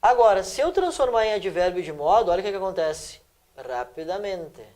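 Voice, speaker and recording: A teacher works through exam answers. He keeps checking that his students follow along. His delivery is lively and animated. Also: sits high, quick pace. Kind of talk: exam-prep lesson.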